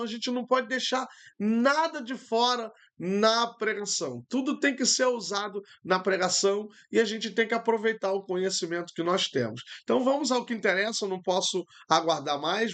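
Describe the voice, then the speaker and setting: A middle-aged Brazilian man, a pastor and Greek teacher, giving a patient, explanatory online Bible lesson over a computer mic, pausing often with fillers. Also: high-pitched, fairly bright tone. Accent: Brazilian Portuguese.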